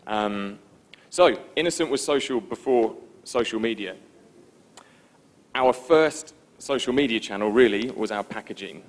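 A man giving a conference presentation in a relaxed, informal, self-deprecating way, with frequent ums. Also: fairly low pitch, measured pace. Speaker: conference speaker. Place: conference stage before an audience.

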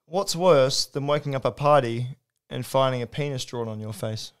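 A man co-hosting a podcast, delivering dad jokes deadpan in casual chat. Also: medium pitch, moderate pace, smooth. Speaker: podcast co-host. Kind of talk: casual joke-telling chat.

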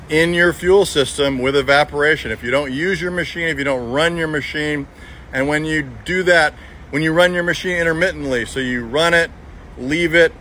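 A man's voice: fairly high pitch, pushed and bright, a little hiss or hum. A man in his forties hosts a casual selfie video outdoors, chatting through a hands-on demonstration and often restarting his sentences. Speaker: sawmill company video host. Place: outdoors beside a metal building in hot sun. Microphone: phone camera at arm's length.

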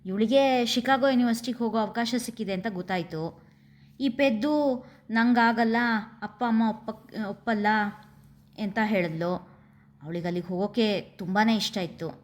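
A woman voicing a joking young man who explains himself slowly. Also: on the high side, close to an everyday voice. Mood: sheepish.

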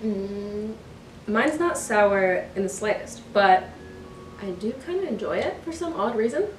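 A woman's voice: mid-range voice, animated, measured pace, slight background noise. A woman in casual chat as a snack taste-tester, chewing candy while she talks. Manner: chatty, laughs often. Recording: echoey room, far from mic, music behind.

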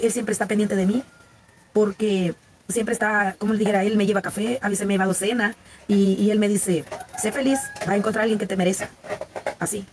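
A woman's voice: mid-range voice, background noise. Chatty Salvadoran woman in her forties. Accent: Salvadoran Spanish. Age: 40s. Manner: talkative, candid, chatty with viewers, frequent restarts and laughter. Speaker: TikTok live streamer. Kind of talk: casual live-stream chat.

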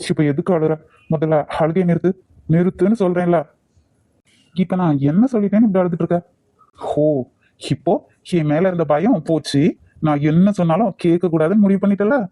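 A man's voice: sits high, brisk, pauses often, dark tone, no echo, close to an everyday voice. A man voicing a cocky male college senior with a Kanyakumari Tamil accent, teasing and domineering.

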